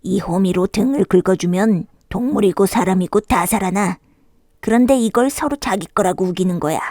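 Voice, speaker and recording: A woman voicing stubborn, squabbling little monkeys in a children's story, animated as if reading to a toddler. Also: mid-range voice, moderate pace, no room sound, studio quality, lightly acted. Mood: insistent, bickering.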